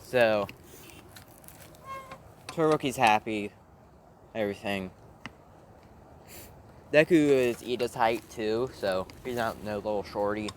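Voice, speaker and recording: A man's voice: on the low side, takes it slowly, long pauses, slight background noise. A man casually narrating a made-up fan story, rambling, with fillers and the odd swear word.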